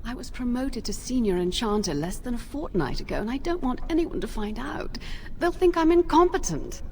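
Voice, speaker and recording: A woman's voice: on the high side, big pitch swings, fairly quick, a little mellow, a little hiss or hum. An actress playing a flustered, secretive female mage in a video game, sounding panicky and defensive as she stammers. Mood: anxious confessing. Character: flustered secretive female mage, recently promoted senior enchanter. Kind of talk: video game dialogue acting.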